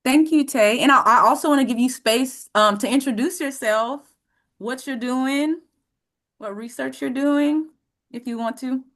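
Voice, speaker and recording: Woman moderator on a video call, somewhat high voice, polite and encouraging, sitting back from the mic. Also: unhurried, a bit bright. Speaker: webinar moderator.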